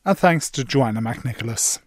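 A man's voice: mid-range voice, animated, moderate pace. A man presenting a radio programme, reading scripted closing announcements. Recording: music behind the voice.

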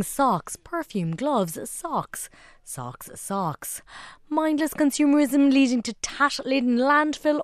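A woman's voice: a little high, no echo. An Irish woman presenting on radio, reading scripted links in a wry way. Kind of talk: scripted narration.

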